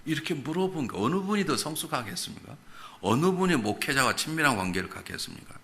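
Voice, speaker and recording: A man's voice: fairly high pitch, big pitch swings, quick pace, pushed and bright, slight background noise. A man preaching a revival sermon as a pastor, speaking directly to the congregation with rhetorical questions and emphatic, acted-out exchanges. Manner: emphatic, acts out conversations with congregants. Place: church revival meeting.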